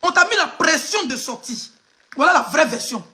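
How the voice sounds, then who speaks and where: A woman from Côte d'Ivoire runs live gossip commentary at a moderate pace, her high voice sharp and full of lively intonation. She speaks Ivorian-accented French, mocking and emphatic, directly at the one she's criticizing.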